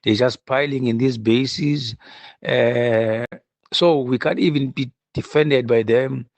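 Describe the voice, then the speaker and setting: A man's voice: medium pitch, slow pace, vocal fry, no echo. A man leaving a blunt, complaining voice message for a radio call-in show, played back on air. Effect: played back as a recorded voice message. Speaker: caller.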